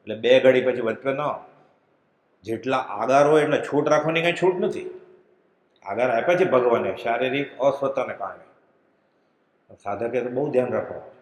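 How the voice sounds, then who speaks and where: A man's voice: mid-range voice, moderate pace, long pauses. A middle-aged man gives a conversational religious discourse, explaining with everyday anecdotes. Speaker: spiritual discourse reader. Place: prayer hall. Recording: echoey hall.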